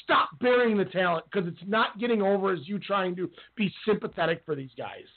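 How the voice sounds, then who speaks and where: A man's voice: high voice, fairly quick. A man co-hosting a wrestling podcast, ranting in heated casual talk. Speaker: podcast co-host. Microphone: call-in radio line. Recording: tinny phone-line audio.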